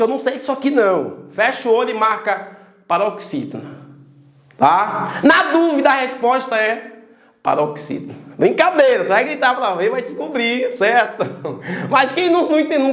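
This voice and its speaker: Energetic man teaching, calling out syllables. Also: extremely high pitch, roomy sound. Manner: energetic, calls out syllables loudly. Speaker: Portuguese teacher. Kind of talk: video grammar lesson.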